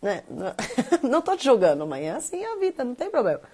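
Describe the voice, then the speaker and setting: A woman's voice: fairly high pitch, fairly quick, slightly rough. Chatty Brazilian woman live-streaming. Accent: Brazilian Portuguese. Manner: chatty and animated, quoting others in playful voices. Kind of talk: casual live stream chat, reading viewer comments.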